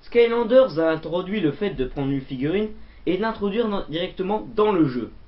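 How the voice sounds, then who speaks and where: A man's voice: high-pitched, animated, moderate pace. Goofy man hosting a toy-figure show. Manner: goofy mock-presenter, jokey and brusque. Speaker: host. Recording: muffled lo-fi recording.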